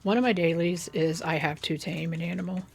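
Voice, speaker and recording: A woman's voice: lowish voice, steady tone, brisk, gravelly, husky. Chatty woman narrating her gameplay. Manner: chatty, rambling, coaxing baby talk to animals. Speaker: gaming YouTuber. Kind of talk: casual gameplay commentary.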